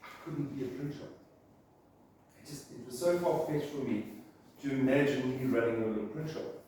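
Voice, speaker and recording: Speaking as a guest at a casual business group talk, this man in his fifties runs a print shop and comes from Zimbabwe, though he has a South African accent. His warm, medium-pitched voice moves at normal speed through a rambling story, with many ums and restarts. The room echoes, the mic is distant, and there's faint noise.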